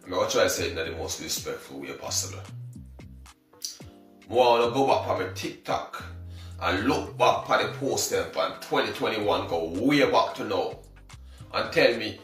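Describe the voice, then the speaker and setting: A man's voice: on the low side, animated, normal speed, long pauses, sharp tone, echoey room, distant mic, soft background music. A man with a Jamaican accent delivering a defiant social media rant, emphatic and calling the listener brother again and again.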